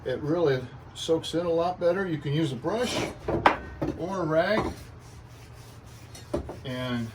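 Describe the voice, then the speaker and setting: An American man with a fairly high-set voice talks casually outdoors, as in a home garden vlog. He is plainspoken and informal, explaining practical things simply. Traffic and outdoor noise sit clearly behind him. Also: takes it slowly, pauses often. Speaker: garden vlogger. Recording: noisy outdoor recording with traffic. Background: traffic and outdoor ambience.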